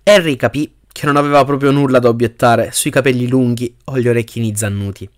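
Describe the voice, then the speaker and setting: A man narrating an audiobook at a middle pitch. He reads steadily and now and then trips over a word and corrects it. The delivery is plain and even. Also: fairly quick. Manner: reads steadily with small slips and self-corrections. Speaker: audiobook reader.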